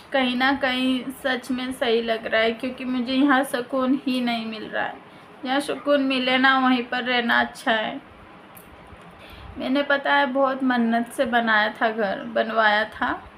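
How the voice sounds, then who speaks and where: A woman's voice: high voice, level tone, slow pace, sharp tone, slight background noise. A woman vlogger talking casually to camera in her own house, venting in a heated, emphatic way.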